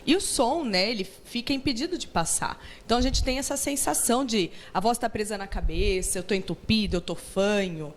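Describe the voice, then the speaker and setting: With a Brazilian Portuguese accent and a mid-range voice, a hearing therapist appears as a guest on a TV show, explaining things patiently in the studio. She talks a little fast with hardly any pauses, often tagging her sentences with "né?", and there's a slight hiss or hum.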